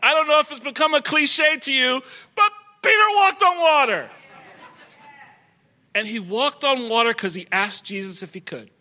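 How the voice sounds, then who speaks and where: A man's voice: very high-pitched, a little fast, hardly any pauses, bright, forceful tone, a faint crowd. A middle-aged man preaching a sermon to a live congregation, emphatic and repeating key phrases for effect.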